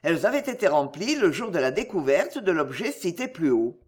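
An audiobook reader narrating a French novel chapter in a measured, expressive way. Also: mid-range voice, breathy edge.

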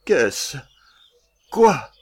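A man playing Cyrano, a proud, aging swordsman-poet who is dying and secretly in love, reading verse in a solemn, measured way with a husky, gravelly voice. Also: on the high side, big pitch swings, exaggerated voice. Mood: deflecting. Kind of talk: stage play reading.

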